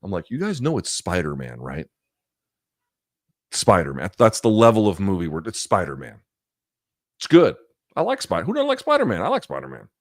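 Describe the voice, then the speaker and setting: A middle-aged man hosts a live chat, reading viewer questions and answering in a blunt, profane, casual way with animated asides. His low-pitched voice moves at normal speed with long pauses, on a dry, studio-quality recording.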